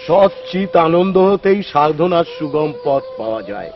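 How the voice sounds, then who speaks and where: A wild ascetic saint, raised in pitch and rough-edged in speech. He barks at his followers and calls out longingly to the Mother. The film sound is dull and lo-fi, with music playing behind him. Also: expressive, measured pace. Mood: gruff, preaching. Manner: gruff and blunt with followers, pleading cries to the Mother. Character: wild, fervent male ascetic holy man. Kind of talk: devotional film acting.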